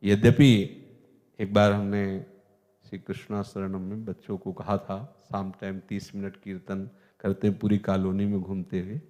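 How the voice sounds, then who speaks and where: A man's voice: fairly low pitch, little pitch movement, moderate pace, mellow. A man giving an earnest, emphatic devotional discourse as a spiritual teacher. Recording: long hall reverb.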